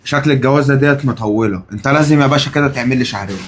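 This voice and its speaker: A man's voice: medium pitch, racing. A young man with an Egyptian accent in a comedic sketch, playing a cheeky, streetwise son who bargains.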